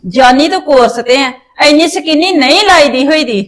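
A woman's voice: high-pitched, lively intonation, moderate pace, fairly bright tone, a little hiss or hum. A woman with a Punjabi accent playing a nagging, scolding mother in a family drama. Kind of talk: rural family drama acting.

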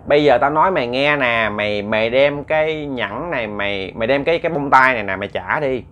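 A man voicing a vengeful woman ghost who threatens to strangle, in a low, threatening growl. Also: quick pace, a bit bright, lo-fi sound, close to an everyday voice. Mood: commanding.

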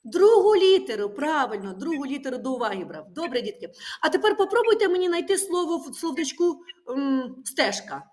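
A woman with a high-pitched voice leads a primary school lesson. She poses question after question and patiently confirms each answer by repeating it. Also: animated, fairly quick. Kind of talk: classroom lesson. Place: classroom.

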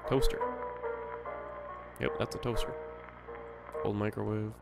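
Gravelly-voiced man playing a game. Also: lowish voice, level tone, unhurried. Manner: thinking aloud, puzzled, laughing easily. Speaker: gaming streamer. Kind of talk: casual let's-play commentary. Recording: game music playing loud behind.

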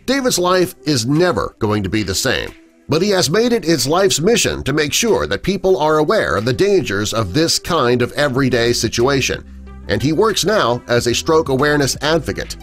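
Guy narrating a story video, dramatic swings up and down, soft music under it. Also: mid-range voice, sing-song, moderate pace. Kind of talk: scripted narration. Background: faint background music.

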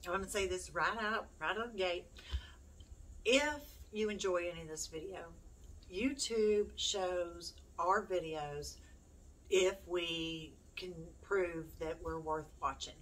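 A middle-aged YouTube host who homeschools speaks to camera in a lowish, slightly bright voice, rambling and self-deprecating. She's indoors in a small room at home, and a distant mic picks up a noisy room.

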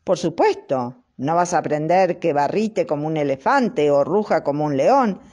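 A woman's voice: sits low, expressive, moderate pace, warm tone. A woman with a Rioplatense accent voicing a proud, blunt male hunting dog. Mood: haughty. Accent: Rioplatense Spanish. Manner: haughty, matter-of-fact.

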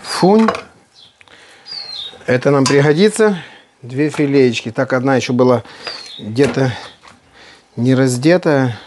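A man's voice: medium pitch, unhurried, long pauses, darkish tone. A man chatting casually as he cooks, playful and folksy, full of fond diminutives. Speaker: host of a home cooking video. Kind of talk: casual cooking chat while working. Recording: noisy kitchen, clattering and clicking. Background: kitchen work noise.

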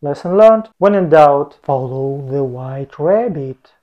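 With a lapel mic clipped on, this man delivers his scripted travel vlog slowly from an indoor home room, his intonation lively and his manner full of playful asides. His voice sits on the high side, though the audio sounds dull.

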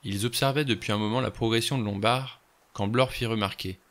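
A man reading a novel aloud in an even, measured way. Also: lowish voice. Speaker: audiobook reader.

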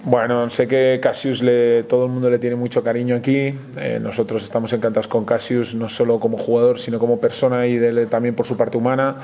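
Spanish male coach at a presser, flat delivery, mellow and warm, hesitant. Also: mid-range voice, slight background noise. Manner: measured, frequent hesitations and restarts. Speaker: basketball coach. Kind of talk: post-game press conference.

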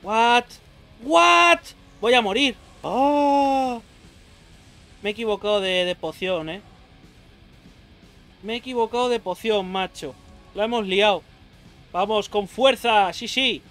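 A man's voice: sits high, moderate pace, pauses often, fairly bright tone. A man from giving frantic gameplay commentary, swearing, yelping and talking to himself during a boss fight. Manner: frantic, swearing, yelps and self-talk while fighting a boss. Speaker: gaming youtuber. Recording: faint game music behind.

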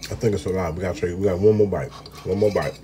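A man's voice: deep voice, steady tone, fast talker, mellow, slight background noise. A man streaming live as he cooks and eats, chatting playfully with viewers and humming over his food. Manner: playful, talks to chat, hums while eating. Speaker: home cook streaming live. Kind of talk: casual live-stream chat. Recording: kitchen clatter of dishes and cutlery. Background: clinking dishes, pots and pans.

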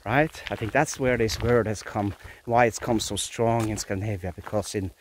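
A Norwegian vlogger in his forties, with a Norwegian accent, holds his phone at arm's length in a pine forest and earnestly delivers a casual philosophical monologue, restarting often. His voice is fairly low with fairly even intonation at normal speed. The audio is poor, with a little hiss or hum.

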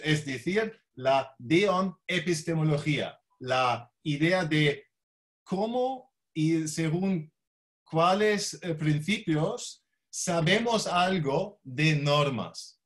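Halting foreign-accented male academic speaker. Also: fairly high pitch. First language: not Spanish. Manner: halting, searching for words with frequent hesitations. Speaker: law professor, visiting lecturer. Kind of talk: academic talk.

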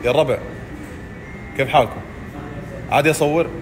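A young man, bantering loudly and teasingly in a comedy skit, swearing oaths as he goes. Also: fairly high pitch, steady tone, a little fast, noisy background.

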